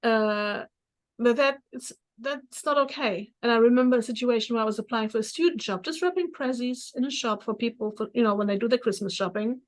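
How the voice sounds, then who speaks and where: A middle-aged woman with a higher voice, a therapist appearing as an interview guest, tells personal stories casually and fairly quickly. Born in Poland, she lives in Germany and speaks German as her first language. She's animated and acts out dialogue she remembers.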